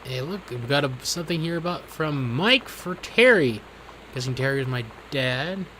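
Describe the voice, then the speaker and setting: A man in his late twenties giving casual let's-play commentary, musing quietly and sometimes bursting out excitedly. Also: fairly high pitch, normal speed, a little hiss or hum. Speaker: gaming video host.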